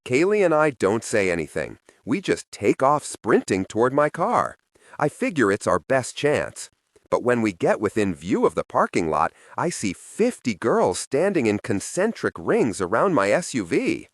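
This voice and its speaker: A man narrating a first-person audiobook in a wry, expressive storytelling manner, close to the microphone. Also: mid-range voice, normal speed, no room sound.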